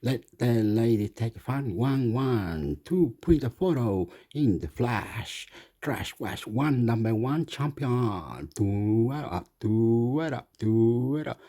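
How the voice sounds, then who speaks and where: Rambling man, mellow voice. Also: medium pitch, lively intonation, slow pace. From Chile. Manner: rambling, repetitive, laughs often. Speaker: vlogger commenting on a video. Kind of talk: casual rambling commentary.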